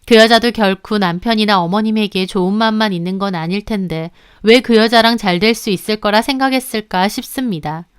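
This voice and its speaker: A woman's voice: mid-range voice, a little fast, hardly any pauses, clean tone, no echo, studio quality. Indignant woman narrating her story. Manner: indignant, matter-of-fact storytelling. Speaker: narrator of a reader-submitted story. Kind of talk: scripted first-person story narration.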